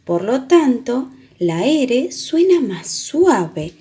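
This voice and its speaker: A woman teaching children the sounds of a letter, explaining patiently and repeating example words slowly. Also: a little high, sing-song, warm tone, a little hiss or hum. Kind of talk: children's reading lesson.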